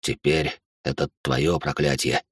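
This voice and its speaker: A man voicing a deep-voiced old immortal who speaks quietly and slowly, worn out by endless life. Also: flat delivery, husky, no room sound, clean studio sound, exaggerated voice. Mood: weary. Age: older. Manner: quiet, tired, slow.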